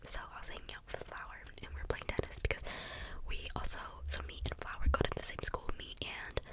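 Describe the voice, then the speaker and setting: A young adult speaks in a soft, breathy ASMR whisper, rambling casually through everyday stories and drifting into tangents. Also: low-quality recording. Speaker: ASMR video creator.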